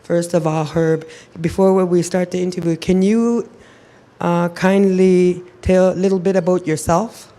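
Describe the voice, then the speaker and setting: Mellow woman interviewer. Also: lowish voice, flat delivery, unhurried. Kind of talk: broadcast interview questions.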